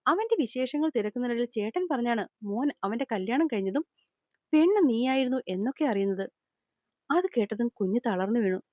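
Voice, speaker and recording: A woman voicing an older man, a gentle worried father figure, softly consoling and explaining in an audio storybook. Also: on the high side, lively intonation, brisk, dry recording, close to an everyday voice. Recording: slightly dull lo-fi recording.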